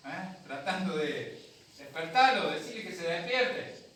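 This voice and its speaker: Argentine man preaching, high bright voice, booming church echo, distant mic. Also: lively intonation, unhurried. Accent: Argentine Spanish. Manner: storytelling, acts out voices, talks with the congregation. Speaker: pastor. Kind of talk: sermon. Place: church hall. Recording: echoey hall from a distant mic.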